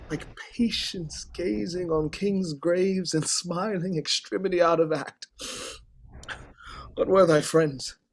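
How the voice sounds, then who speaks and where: A sorrowing king in classical stage verse. His voice is fairly high for a man and rough-edged. He takes the lines slowly and haltingly, with theatrical swells from hushed doubt to anguish. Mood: pleading. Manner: theatrical, declamatory, halting, swinging from hushed to outcry. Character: grief-worn, long-suffering king, anguished, hoping and doubting.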